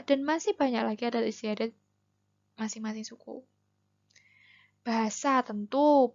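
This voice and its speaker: A woman's voice: fairly high pitch, a little mellow. A woman teacher with a Javanese accent, explaining a lesson patiently and asking her students questions as she goes. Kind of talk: classroom lesson video. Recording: dull lo-fi recording.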